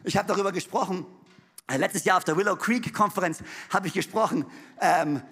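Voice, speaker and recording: A male pastor delivering a sermon in a very high, bright, forceful voice. He preaches with emphasis and piles up repeated refrains that swell in volume. He drops in playful asides and laughter between points. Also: fairly quick, slightly rough.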